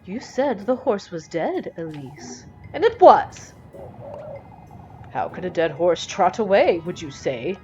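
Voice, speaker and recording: A woman voicing a gruff, doubting older village man in a game, speaking in a slow, stern way. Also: fairly low pitch, sing-song, darkish tone, muffled recording, faint music behind, voice pushed down. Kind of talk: game voice acting.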